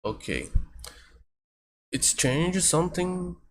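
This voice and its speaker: A vtuber whose first language is Portuguese chats casually with his stream from a home room where an air conditioner hums, reacting and thinking aloud. He's halting and corrects himself often, with a high, sing-song voice and a little hiss or hum in the audio.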